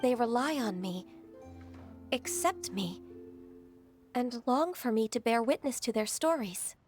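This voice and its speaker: A gentle, dutiful young secretary in a game, polite and formal in how she speaks. Her voice sits a bit high, with soft music behind it. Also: animated, unhurried.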